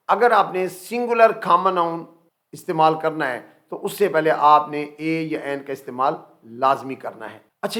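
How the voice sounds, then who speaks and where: A middle-aged man with a Pakistani accent gives a grammar lecture in a fairly high voice. He explains each point step by step and slows right down to spell out every example sentence. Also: fairly bright tone. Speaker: English grammar teacher. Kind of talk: classroom lecture.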